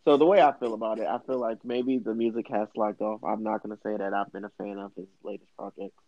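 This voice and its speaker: A man's voice: lowish voice, fairly even intonation, fast, no echo, dull audio. A man co-hosting a podcast, talking about rap in a laid-back, joking way. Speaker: podcast co-host. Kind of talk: casual hip hop debate.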